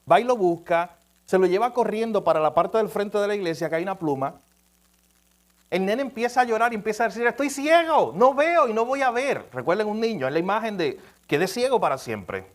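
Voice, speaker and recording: A man preaching a sermon in a noticeably high voice. He tells his story with emphasis and laughs at himself along the way.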